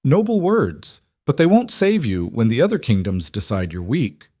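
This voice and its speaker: A man's voice: mid-range voice, huge pitch swings, normal speed, dark tone, dry recording, clean studio sound, pitched above the performer's own voice. A man voicing a bitter, scheming male traitor who taunts his captors in a spoken story. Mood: taunting. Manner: spiteful and taunting.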